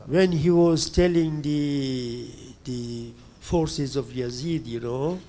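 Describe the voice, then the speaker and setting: An older man from Tanzania, an audience member asking a question, speaking hesitantly and often pausing to search for words. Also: mid-range voice, warm tone. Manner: hesitant, fills pauses with "you know".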